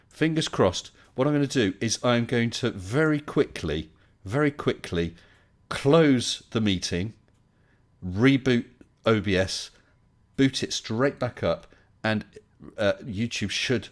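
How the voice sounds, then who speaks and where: A man's voice: medium pitch, lively intonation, slow. A man hosting a casual live stream, chatting politely and welcoming people as they join.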